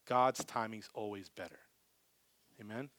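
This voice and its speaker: A man preaching a live sermon to a congregation, animated, swinging from loud emphasis to very soft, hushed lines. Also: lowish voice, unhurried. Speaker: pastor.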